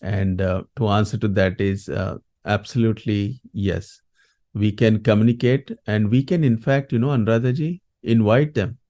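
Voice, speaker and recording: A man with an Indian accent speaking as a grief coach in an interview, explaining in a halting, reflective way with frequent small tag words. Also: fairly low pitch, steady tone, dark tone. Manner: halting, reflective, often adds "you know" and "right".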